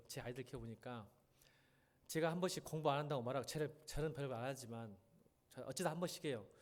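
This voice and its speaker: A middle-aged man preaching as a pastor, questioning the congregation and urging them to listen closely. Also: on the high side. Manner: animated, questions and addresses the congregation. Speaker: senior pastor. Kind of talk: sermon at a midweek church service. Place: church.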